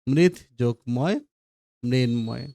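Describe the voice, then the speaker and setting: A male teacher with a mellow, warm, gravelly mid-range voice goes slowly through one grammar example after another, repeatedly checking that his students are following. The recording is dry and close, with no room sound.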